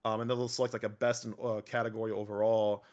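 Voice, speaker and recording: A young man chatting casually as a podcast guest, animated and rambling, full of fillers and restarts. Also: fairly low pitch, quick pace, muffled recording. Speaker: podcast guest, miniature painter. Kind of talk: casual conversational interview.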